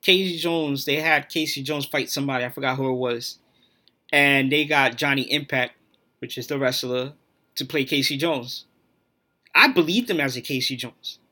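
A man's voice: mid-range voice, moderate pace, pushed and bright. A man hosting his own podcast, talking alone in a blunt, profane, opinionated rant. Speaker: podcast host.

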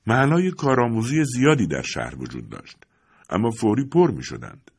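A man with a husky voice narrating a story in a steady storytelling manner. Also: low voice. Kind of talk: audiobook narration.

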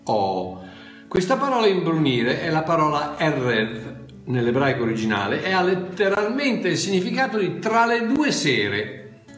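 Man, preacher, bible teaching, conversational with asides, roomy echo, soft guitar behind. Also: fairly high pitch, very animated, moderate pace.

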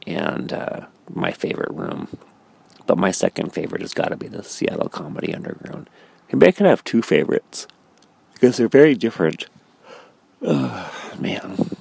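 A man with a very deep, heavily gravelly voice that has a husky edge talks in a loose, rambling way, full of fillers and restarts. He sounds sleepy and early-morning, a comedian thinking out loud to his viewers. The sound is dry and close, with no room around it. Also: no room sound. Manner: rambling, self-reflective, frequent fillers and restarts. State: sleepy, yawning. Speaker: stand-up comedian. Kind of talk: casual vlog monologue.

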